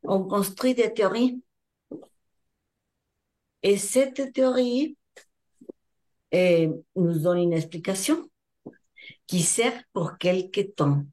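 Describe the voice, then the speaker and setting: Older Mexican woman, French as a second language, slow and mellow, a hypnotherapist being interviewed. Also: mid-range voice. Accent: Mexican Spanish. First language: Spanish. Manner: thoughtful, searching for words in French. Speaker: hypnotherapist and trainer. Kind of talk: interview answers.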